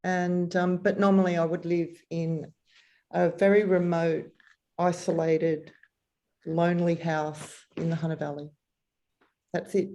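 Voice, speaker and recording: A woman's voice: on the low side, little pitch movement, a little slow, long pauses, warm tone. A woman working as a freelance reporter, introducing herself on a video call, enthusiastic but hesitant with many ums.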